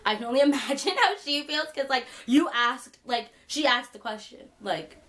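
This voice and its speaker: A young woman vlogger telling a funny story in casual chat, animated and laughing, with lots of fillers. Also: high-pitched, moderate pace.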